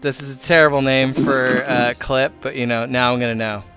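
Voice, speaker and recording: Streaming a game, a man chats casually in a steady, fairly quick, slightly bright medium-pitched voice, swearing and exclaiming often. Music plays behind him, and the stream audio is lo-fi and a bit dull.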